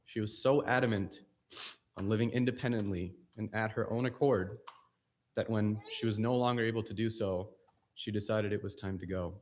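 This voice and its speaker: Low-voiced man giving an earnest eulogy. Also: fairly even intonation, moderate pace, a little hiss or hum. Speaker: family member giving a eulogy. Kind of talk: personal funeral eulogy.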